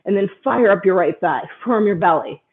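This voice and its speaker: A woman's voice: medium pitch, brisk. Yoga teacher woman, tinny phone-like sound. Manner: steady stream of short, encouraging body cues. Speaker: yoga instructor. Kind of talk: guided yoga class instruction.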